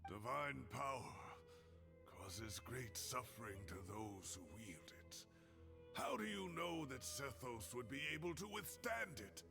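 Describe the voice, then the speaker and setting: A man voicing a grave, wise older advisor in a video game, speaking in a measured, earnest way. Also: medium pitch, animated, gravelly. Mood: grave, pleading. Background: music.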